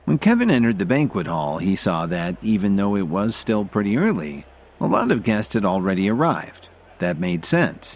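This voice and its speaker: A man narrating an audiobook in an expressive storytelling manner, heard through tinny phone-like audio. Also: lowish voice, slight background noise.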